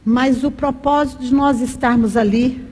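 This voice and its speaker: Husky-voiced woman preacher, passionate sermon storytelling, big reverberant hall. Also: high voice, steady tone, moderate pace, warm tone.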